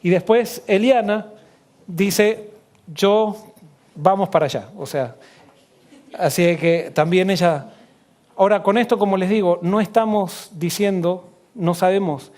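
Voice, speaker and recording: A middle-aged man, a pastor, telling a personal story in a sermon and dropping his voice low and soft for quoted dialogue. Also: unhurried.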